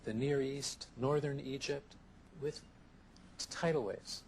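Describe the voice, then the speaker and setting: A man answering interview questions in a thoughtful, measured way, often listing ideas one after another, heard from a worn VHS tape copy. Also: mid-range voice, fairly even intonation, a little hiss or hum, rough recording. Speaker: interview guest, therapist.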